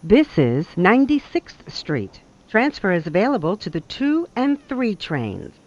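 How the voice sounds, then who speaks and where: Recorded subway announcer over the train speaker, very sing-song pitch, slow and spaced out. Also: huge pitch swings. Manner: measured, evenly spaced phrasing. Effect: played over a train loudspeaker. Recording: dull lo-fi train loudspeaker.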